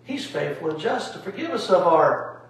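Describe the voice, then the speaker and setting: Recorded from afar in an echoey room with faint noise, a male pastor poses emphatic rhetorical questions during a Bible study at home. His high-pitched voice is very animated, carries vocal fry, and moves at a moderate pace.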